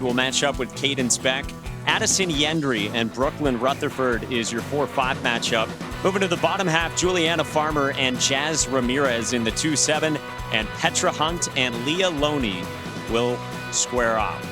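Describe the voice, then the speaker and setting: A man calling a youth baseball home run derby as play-by-play announcer, upbeat and brisk. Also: medium pitch. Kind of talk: sports broadcast commentary. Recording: music bed behind the voice.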